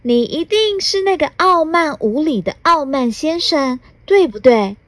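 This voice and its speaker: A woman's voice: high voice, animated, measured pace, a bit bright, no echo, voice pushed up. A woman voicing a tiny, cheerful, playful male elf in a storybook reading, with a chirpy, teasing manner.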